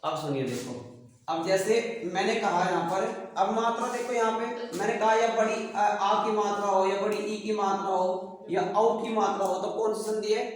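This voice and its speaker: High-voiced teacher in an echoey hall. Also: male voice, steady tone, normal speed, recorded from a distance. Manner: repetitive, quizzing the class. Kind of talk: classroom grammar lesson.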